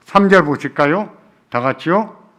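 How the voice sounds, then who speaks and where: Lively, bright-voiced male preacher. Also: on the high side, a little slow. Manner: emphatic preaching, swinging from loud calls to soft acted pleas. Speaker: pastor. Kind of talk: sermon. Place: church sanctuary.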